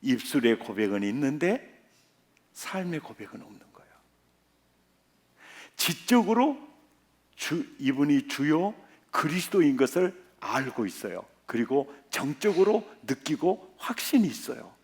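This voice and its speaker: A man's voice: fairly high pitch, a little slow. A male pastor preaching a revival sermon, often putting questions to the congregation. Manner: animated, quizzing the congregation.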